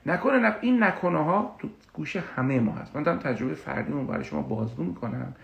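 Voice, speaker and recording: A man working as a coach gives an explanatory talk on confidence, animated and full of personal examples. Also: fairly high pitch, vocal fry. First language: Persian. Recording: echoey room.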